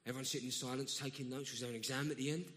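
A South London man with a mid-range, steady voice talks very fast over background noise while preaching in a church hall, with long church reverb on the recording. His sermon is conversational, and he keeps interrupting himself before rising into emphatic bursts.

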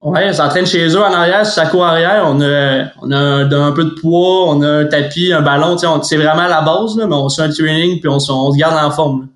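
A young man with a Quebec French accent, a hockey player guest answering casually in a relaxed, modest way. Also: a little high, brisk, few pauses, roomy sound. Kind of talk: casual interview.

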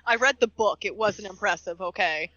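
Female podcast co-host, bright and forceful, anecdotal storyteller; dry, lo-fi mic. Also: medium pitch, no room sound. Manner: storytelling, acts out quoted dialogue. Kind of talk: casual chat.

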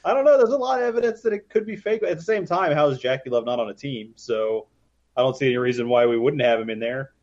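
A man co-hosting a casual podcast, speculating quickly, with his dogs heard in the background. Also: mid-range voice, a little mellow, dull audio. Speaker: podcast co-host. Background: dogs barking.

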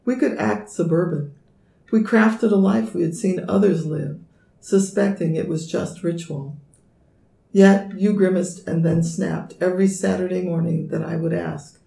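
A woman reading her own poem aloud in a measured, somber way. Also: lowish voice, creaky, warm tone. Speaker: poet reading her work. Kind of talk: poetry reading. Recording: echoey room.

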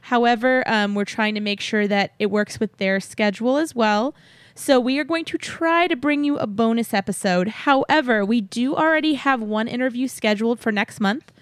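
Cheery, higher-pitched woman podcast host. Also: moderate pace, no room sound. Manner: cheery, enthusiastic, addressing listeners directly. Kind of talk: upbeat podcast announcement, chatty.

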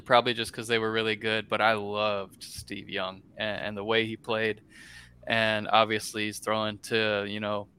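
Bright, crystal-clear, lowish-voiced American man. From central Florida, USA. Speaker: sports podcast panelist. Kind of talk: casual sports chat.

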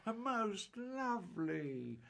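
A man's voice: high voice, sing-song, slow pace, vocal fry, fairly bright tone, slight background noise, full character voice. A man playing a fussy carpenter who directs a clumsy amateur play, coaxing his players in a patient but flustered way. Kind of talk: stage comedy acting.

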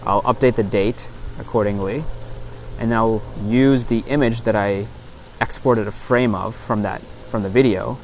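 A man with a fairly low voice talks casually as a solo podcast host. He explains things step by step, rambling a little and correcting himself. It is recorded on a lapel mic out in an open park field, with clear outdoor noise behind him. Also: steady tone, measured pace. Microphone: lapel lavalier into a phone.

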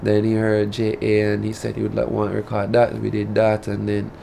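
A man's voice: lowish voice, monotone, fairly quick, gravelly, dark tone, slight background noise. A man with a Jamaican accent and a rural drawl, a Patois speaker talking casually as an artist being interviewed. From rural Jamaica (Saint Elizabeth). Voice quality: country drawl.

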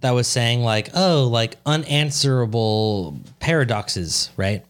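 A man's voice: mid-range voice, takes it slowly, clean tone. A man co-hosting a podcast in casual chat, swearing freely and teasing his co-host with mock outrage.

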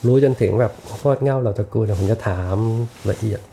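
A middle-aged man speaks in a warm, mellow voice, slowly turning his ideas over and repeating words as he goes. It is a relaxed podcast chat recorded on a studio mic. A faint hiss sits under the voice. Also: on the low side, creaky. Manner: reflective, unhurried, with many restarts and repetitions. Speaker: podcast guest, architect and teacher. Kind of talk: casual podcast conversation.

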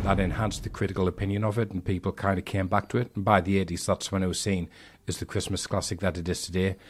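Deep-voiced man reviewing films. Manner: thoughtful, measured analysis with conversational asides. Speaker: film podcast host. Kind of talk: casual film review chat.

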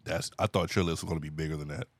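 A man's voice: very deep voice, rapid-fire, no echo. A man hosting a podcast in a casual, talkative chat, laughing easily. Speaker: podcast host.

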